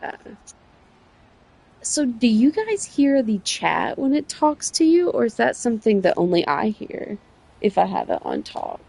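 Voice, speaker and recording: A woman streaming a video game from home, talking to her viewers in a loose, rambling way and laughing easily. Her voice is heavily gravelly and breathy-husky, with a mellow, dark tone. Her pitch moves a lot as she talks. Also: wildly swooping pitch, measured pace. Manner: chatty, rambling, self-correcting, laughs easily. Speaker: livestreamer playing a video game. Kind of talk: casual livestream chat.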